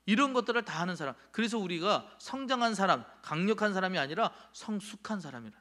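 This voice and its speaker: A man's voice: sits high, lively intonation, fast talker, pushed and bright. A man preaching a sermon in a church, telling a childhood story in a conversational way and often asking the congregation questions. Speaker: pastor. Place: church sanctuary.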